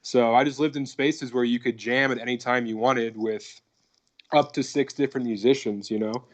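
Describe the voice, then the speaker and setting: He's a guest comedian from Colorado, in his thirties, talking on a video call for a casual podcast. His medium-pitched voice holds a steady tone at a moderate pace as he rambles, curses, and keeps saying "like" and "dude."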